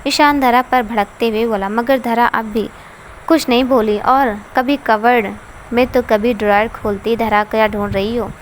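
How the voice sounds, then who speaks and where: A woman reading a dramatic family story aloud as the narrator, in a steady, dramatic reading voice. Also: fairly high pitch, a little slow, a little hiss or hum. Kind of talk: scripted narration.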